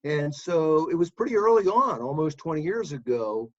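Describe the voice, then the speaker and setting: A man from an advocacy group speaking on a video call, in a measured, sincere way with hesitant fillers. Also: on the high side, big pitch swings. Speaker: advocacy organization staff. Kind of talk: panel remarks on a video call. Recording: muffled video call audio.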